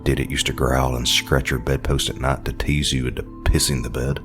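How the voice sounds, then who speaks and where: A man telling a horror story in a slow, brooding narration. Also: rumbling low, flat delivery, music in the background.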